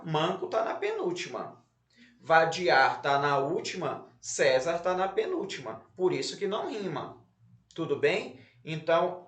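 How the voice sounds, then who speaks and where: A man with a northern Brazilian accent teaches a recorded lesson at a very slow, careful pace. His voice sits a little high, and he leans on each stressed syllable. The sound carries a noticeable room echo. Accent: Brazilian Portuguese, northern (Pará). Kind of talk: recorded remote class lesson.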